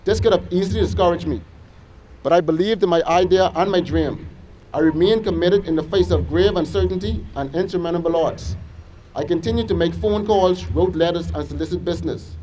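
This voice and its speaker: A man's voice: high voice, dark tone, slight background noise, rough recording. Earnest young Bahamian man giving a speech. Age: young adult. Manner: earnest, measured, list-like delivery with small restarts. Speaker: business owner giving a school speech. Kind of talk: motivational speech to students. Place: school assembly hall.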